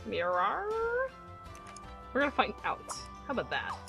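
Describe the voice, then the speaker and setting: A woman's voice: medium pitch, wildly swooping pitch, a little slow, creaky, music in the background. A woman co-hosting a let's play, chatting casually and playfully reading game prompts aloud. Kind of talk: casual gameplay chat.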